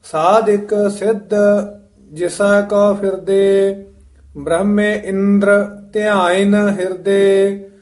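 A man reciting as a student in slow, measured chanting, one long held phrase at a time. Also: high-pitched, flat delivery, darkish tone.

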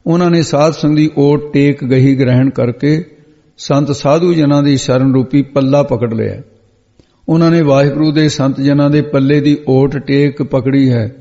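Male preacher, dark mellow voice, word-by-word scripture sermon, lo-fi hall recording. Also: medium pitch. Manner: glosses each word, repeats phrases, corrects pronunciation. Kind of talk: line-by-line scripture exposition sermon. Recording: dull lo-fi sound with long hall reverb.

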